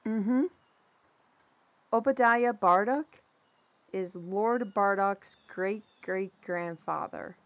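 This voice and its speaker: In a fantasy audio roleplay told as a story, a woman plays a plain-spoken mentor who narrates in a folksy, measured way with dramatic emphasis. Her voice is natural and mid-range.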